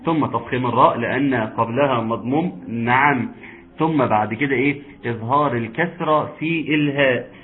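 A man with an Egyptian Arabic accent teaching an online Quran recitation lesson, patiently explaining and slowly modeling sounds for his students. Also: medium pitch, a little hiss or hum. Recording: tinny phone-like line.

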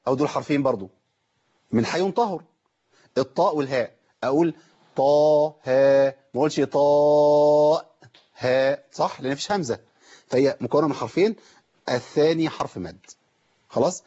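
A man's voice: medium pitch, expressive, fast talker, pauses often, darkish tone, slightly rough, highs cut off. A man with an Egyptian accent giving a televised lesson on pronouncing Quranic letters, explaining step by step and quizzing his viewers. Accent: Egyptian Arabic. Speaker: Quran recitation teacher.

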